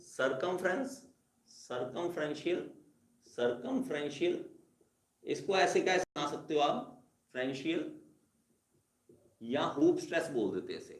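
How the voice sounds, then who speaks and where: A man's voice: fairly high pitch, reverberant. A male engineering teacher giving a classroom lecture, repeating key terms and calling his students kids. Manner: repetitive, addresses students as kids.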